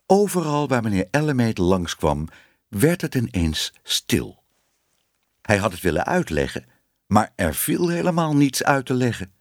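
Male audiobook narrator, very animated pitch, dry close recording. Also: a little slow, no room sound. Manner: expressive storytelling voice. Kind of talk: audiobook reading of a children's story.

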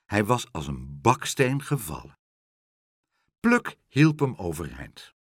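A man reads a children's story aloud in a low, husky voice, taking his time. His reading swings widely in pitch, and the close, dry recording has no room echo. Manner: slow, expressive reading.

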